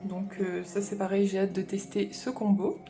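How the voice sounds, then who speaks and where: A woman's voice: medium pitch, flat delivery, moderate pace, mellow, soft background music. A woman chatting casually in a haul vlog, explaining her craft supplies as she thinks aloud. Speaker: craft vlogger.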